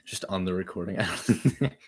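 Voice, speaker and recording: Man with a lowish voice, self-mocking home recorder, laughs a lot, headset mic. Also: measured pace. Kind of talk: casual self-recorded chat between rap takes.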